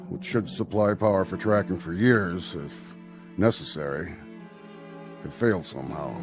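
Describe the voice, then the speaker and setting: An actor with a low male voice plays a stern Air Force general in a radio drama, speaking in a deliberate, formal, official manner.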